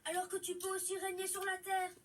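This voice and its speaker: A woman's voice: very high voice, monotone, a little fast, fairly bright tone, distant mic. A woman voicing a brave, clever young moose captain in a children's cartoon, polite and coaxing. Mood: coaxing, sly. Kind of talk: French-language children's cartoon dubbing.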